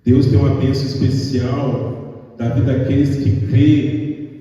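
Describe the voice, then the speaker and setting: In an echoey church hall, with the mic set far off, a man with a Brazilian Portuguese accent preaches a fervent evangelical sermon. His mid-range voice is dark and flat, a little slow, and he repeats himself as he keeps calling out to the congregation.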